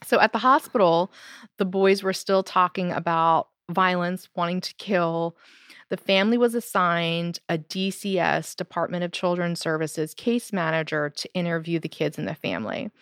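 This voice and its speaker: A woman with a slightly low voice recounts an eerie true story in a relaxed podcast chat. She keeps it animated, sprinkling in "so" and "like". The sound is close and dry, with no room around it. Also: normal speed, no echo. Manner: animated, laughs while telling, fond of "so" and "like". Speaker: podcast co-host telling the story.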